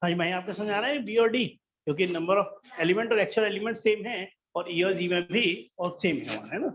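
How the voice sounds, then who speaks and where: A man with a fairly high voice teaches a math class in a classroom, patiently coaxing answers and checking again and again that everyone has understood. The recording is somewhat dull and lo-fi, as if captured in the classroom itself. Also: expressive, fairly quick, fairly bright tone. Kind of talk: classroom lesson.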